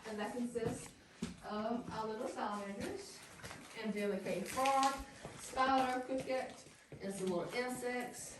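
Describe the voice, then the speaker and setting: A woman's voice: fairly high pitch, a little slow. A woman giving an informal, chatty guided tour in a cave, telling things in a folksy way. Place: inside a cave. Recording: echoing cave, distant mic, background noise.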